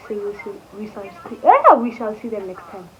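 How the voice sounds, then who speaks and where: A woman's voice: medium pitch, very animated, brisk. A young woman hosting a casual prank vlog, talking playfully and mixing in local words. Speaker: vlogger. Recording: tinny phone-like audio with faint noise.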